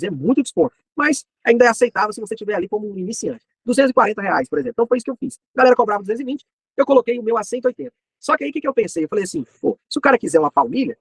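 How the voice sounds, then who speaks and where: A Brazilian man teaching a practical business lesson to other horse professionals. His voice is very high and slightly husky, and he speaks in a very dry, close sound. He talks in rapid bursts and repeats his key points. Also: fairly bright tone, no room sound, low-quality recording. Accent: Brazilian Portuguese. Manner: direct, repeats key points, chatty asides.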